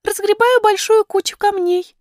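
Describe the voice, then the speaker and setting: A woman voicing a young princess girl who speaks in a high, insistent, eager way. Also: fairly even intonation, moderate pace, no room sound, clean studio sound. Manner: bright, insistent, high-pitched.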